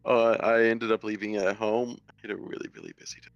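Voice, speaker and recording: Male game master, casual and halting, on a tinny, dull headset mic with a dry sound. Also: lowish voice, little pitch movement, creaky, no echo. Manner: casual, halting, with many "uh" fillers. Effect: thin, tinny headset mic sound. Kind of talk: narrating a tabletop game online. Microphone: cheap headset mic.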